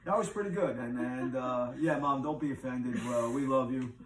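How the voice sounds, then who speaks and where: A man's voice: medium pitch, normal speed, slight background noise. A middle-aged man hosting a casual chat, laughing often and talking loosely with many fillers. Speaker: host. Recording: roomy room, distant mic.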